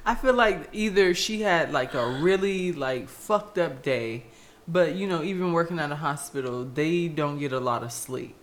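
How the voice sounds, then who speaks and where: A woman co-hosting a podcast in casual chat, blunt, profane and quick to laugh. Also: low-pitched, animated. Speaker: podcast co-host.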